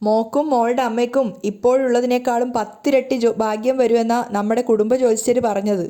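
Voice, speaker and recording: A woman's voice: on the high side, fairly even intonation, fairly quick, dark tone, natural voice. Woman reading a doting proud mother. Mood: gushing. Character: doting older mother, proud of her son.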